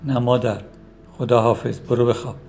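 A man voicing a caring middle-aged mother who keeps urging her son to marry, in a gravelly storybook reading. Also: medium pitch, fairly even intonation, a little mellow, faint music behind, natural voice. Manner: fussing, pleading.

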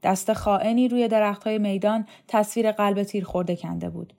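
A woman's voice: mid-range voice, steady tone, gravelly, a little mellow, close to an everyday voice. Woman reading as a stern, commanding male official. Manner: brusque, commanding.

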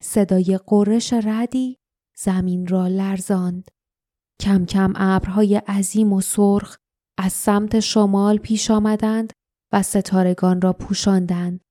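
A woman narrating a fantasy audiobook in a steady, dramatic storytelling manner. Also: mid-range voice, no room sound, studio quality.

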